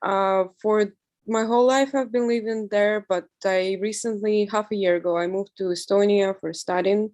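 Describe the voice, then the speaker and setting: A young woman in her twenties with a Ukrainian accent, speaking earnestly and haltingly as an interview guest, with many fillers and restarts. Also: medium pitch, steady tone, darkish tone. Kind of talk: remote interview.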